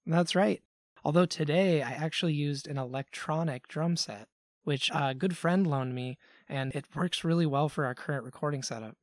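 A man, the musician co-host of a children's show, chatting in a friendly, relaxed way about making beats. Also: on the high side, moderate pace, no room sound, studio quality. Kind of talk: casual chat.

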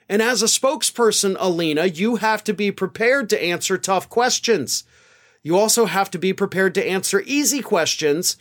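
A man delivering political news commentary in an incredulous, sarcastic, exasperated way. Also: sits high. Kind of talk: scripted-sounding news commentary.

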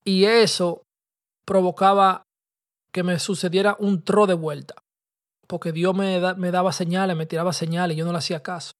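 This young man's voice sits high, with a flat delivery and moderate pace, as he hosts a podcast and shares a personal story. His Dominican Spanish accent comes through in casual street slang sprinkled with English.

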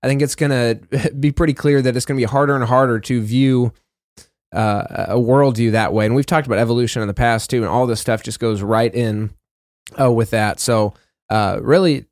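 A man's voice: mid-range voice, fairly even intonation, moderate pace, a little mellow, dry recording, studio quality. Plain-spoken man talking through scripture. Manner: conversational, reads scripture passages aloud with fillers and self-corrections. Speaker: co-host of a Bible discussion. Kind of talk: casual Bible study discussion.

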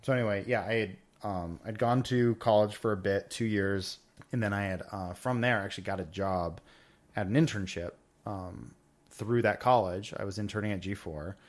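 A man's voice: lowish voice, moderate pace. A man as a podcast guest, telling stories in an informal, rambling conversational way. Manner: informal, rambling, quoting himself and others. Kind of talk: casual conversational storytelling.

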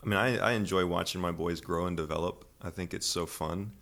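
A young father talking in a casual panel chat, thoughtful and halting, with many fillers. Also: low voice, fairly even intonation, vocal fry, fairly bright tone. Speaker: parent guest on a panel.

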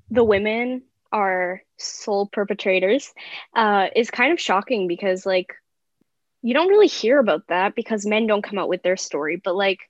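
A young woman presenting on a youth podcast in an informal, conversational way. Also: mid-range voice. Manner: peppers talk with "like". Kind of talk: informal discussion. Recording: slightly dull, roomy sound.

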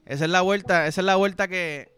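High, bright Puerto Rican man. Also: brisk, soft background music. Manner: raunchy, slangy, acts out scenes with yelps. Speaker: podcast host. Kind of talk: crude comic storytelling.

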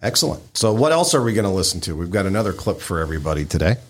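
A man's voice: low voice, sing-song, very fast, soft background music. A man who is a show regular, giving conversational analysis.

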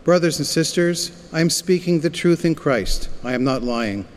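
A man giving a formal, solemn liturgical reading with deliberate phrasing in a large church. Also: a little high, lively intonation. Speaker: scripture reader. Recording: echoey church, background noise.

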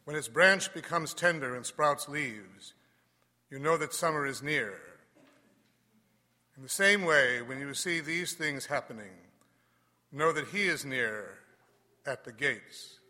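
A man, a priest, leading Mass and giving a homily in a measured, deliberate way that softens at the end of phrases, heard with a long cathedral echo. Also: mid-range voice, expressive. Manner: measured, deliberate, dropping softly at phrase ends. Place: large church.

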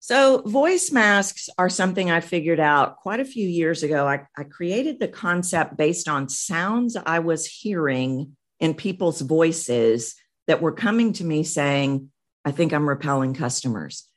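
Lively, emphatic middle-aged woman coach. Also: fairly low pitch, a little slow. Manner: energetic, emphatic, repeats phrases. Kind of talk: interview guest.

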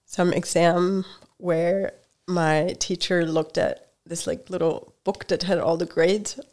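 A woman's voice: on the low side, steady tone, slow, a little mellow. A woman from Hungary talking as a guest in a casual interview, hesitant, with many fillers and laughs, tired from little sleep.

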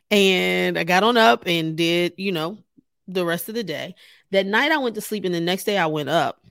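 A woman's voice: lowish voice, unhurried, creaky, long pauses, fairly bright tone, dry recording, studio quality. A woman hosting her own podcast, talking casually and animatedly straight to her listeners, laughing often. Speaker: podcast host. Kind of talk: casual solo podcast talk.

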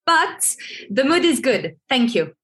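A woman with a fairly high voice talks casually as a guest on a video call. She hesitates often, filling pauses and restarting her sentences. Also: sing-song, a bit bright, breathy edge. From Venezuela. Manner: hesitant, many fillers and restarts. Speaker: guest, marketing manager. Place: home in Paris.

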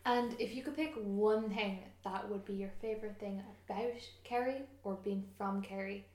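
A woman's voice: mid-range voice, normal speed, darkish tone. A woman asking questions in a casual interview. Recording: roomy echo with music behind.

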